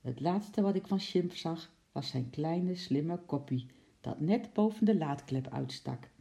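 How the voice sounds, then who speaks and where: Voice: medium pitch, expressive, measured pace, creaky, dark tone. A reader doing a flustered, stammering zookeeper. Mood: gloomy. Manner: stammering and out of breath, later gloomy. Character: flustered stout male zookeeper. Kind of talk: storybook reading.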